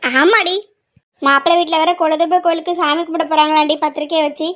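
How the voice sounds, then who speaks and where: Woman voicing a fretful middle-aged mom, slow, pleading, high and bright. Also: steady tone. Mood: worried. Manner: slow, pleading, scolding at times. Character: worried middle-aged mother, pleading and weary. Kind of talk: amateur family drama.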